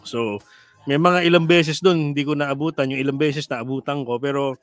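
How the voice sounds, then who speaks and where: A middle-aged man in a casual studio chat, a radio DJ by trade. His voice sits a little high, and he jokes and rambles, switching between languages and leaning on fillers. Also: normal speed, faint music behind. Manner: joking, rambling Taglish with many fillers. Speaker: radio DJ guest.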